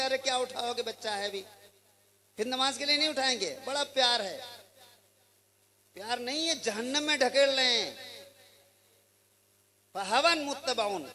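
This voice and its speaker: A man's voice: very high voice, pushed and bright. A man delivering a mosque sermon, exhorting his listeners with rhetorical questions and recited Arabic verses. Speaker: Islamic preacher.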